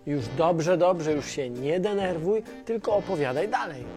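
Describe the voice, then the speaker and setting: Over music, a woman with a deep, expressive voice speaks unhurriedly as a flight control operator in a children's educational cartoon. The character is a curious, good-natured young man, easygoing and a bit clueless.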